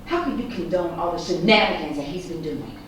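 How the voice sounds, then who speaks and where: An actress plays a controlling church mother in her middle years, scolding and shouting. Her pitch rises and falls sharply. The voice rings in a very echoey room with a faint hiss under it. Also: expressive, moderate pace, distant mic, lightly acted. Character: controlling overbearing church first-lady mother. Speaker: pastor's wife and mother.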